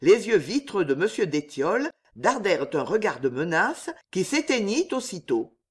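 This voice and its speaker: An audiobook narrator giving a dramatic, expressive reading of a historical novel. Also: mid-range voice, moderate pace, breathy edge.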